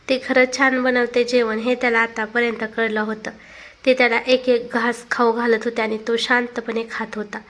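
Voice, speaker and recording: A woman reading a family drama aloud as the storyteller, steady and emotive. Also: on the high side. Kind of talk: storybook narration.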